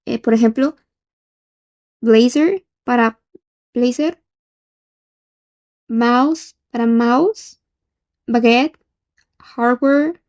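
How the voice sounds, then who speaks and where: A woman giving a lesson from her notes, slowing down to spell out example words, with small slips and fillers. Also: on the high side, dark tone. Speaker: lecturer. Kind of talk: reading lecture notes on Spanish orthotypography. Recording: dull lo-fi audio.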